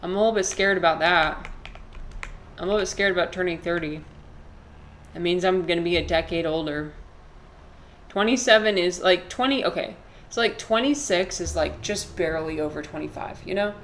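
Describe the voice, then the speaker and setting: A woman's voice: fairly low pitch, normal speed, a little hiss or hum. A woman in her twenties chatting casually with her viewers while she plays a game, rambling, swearing freely and answering chat comments. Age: 20s. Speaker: live streamer playing a video game.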